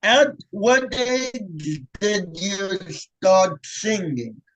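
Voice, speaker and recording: A man interviewing a singer, asking halting, hesitant questions full of ums. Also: sits high, lively intonation, low-quality recording.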